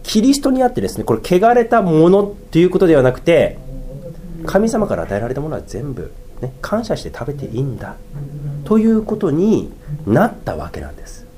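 A man preaching a sermon. He drags out key phrases slowly for emphasis, then rushes through asides and sometimes laughs at himself. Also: on the high side, a little hiss or hum. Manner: animated, swings between slow emphatic phrases and quick asides, laughs at himself. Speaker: pastor.

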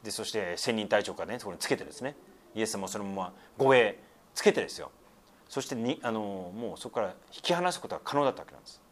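Animated male pastor preaching. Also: on the low side, fast. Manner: explanatory preaching with frequent asides. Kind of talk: sermon.

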